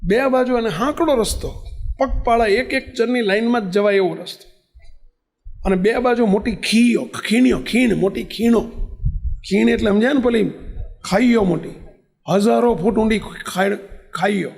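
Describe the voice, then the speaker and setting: A man preaching a sermon as a lively storyteller, often checking in with his listeners. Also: sits high, normal speed. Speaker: religious preacher.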